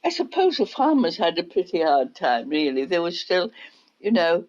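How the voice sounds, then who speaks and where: An older woman, reminiscing in an oral history interview as an unhurried storyteller. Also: fairly low pitch, very animated, darkish tone. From England. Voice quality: unhurried storyteller, acts out quotes. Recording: dull lo-fi recording.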